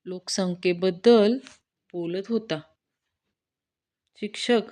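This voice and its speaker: A woman's voice: mid-range voice, darkish tone. A woman reading a string of short jokes aloud, naming each speaker before the line. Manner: reads each joke in turn, naming the speakers before their lines. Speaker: joke reader.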